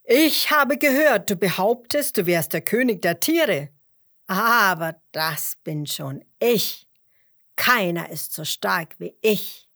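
A woman's voice: medium pitch, expressive, slow, a bit bright, full character voice. A woman voicing a proud, hot-tempered male lion who roars and boasts in a children's story. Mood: indignant. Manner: roaring, boastful.

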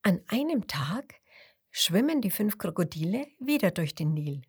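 A woman reading a children's story aloud, taking her time with every phrase. Her pitch moves in a lively, sing-song way, and at tense moments she drops to a soft whisper. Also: slightly rough. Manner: slow, expressive, sometimes dropping to a whisper.

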